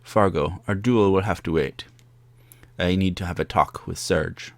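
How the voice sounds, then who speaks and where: A man's voice: deep voice, unhurried, creaky, no echo. A man voicing a dignified, resolute military noble from a video game, speaking in formal declarations. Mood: firm. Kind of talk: video game dialogue read-aloud.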